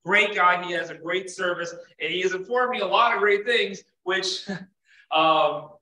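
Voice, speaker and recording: An unhurried young man with a high, sharp-toned voice presents beekeeping slides to a group in a casual, rambling way, full of fillers and false starts. A distant camera records him in an indoor meeting room with plenty of echo.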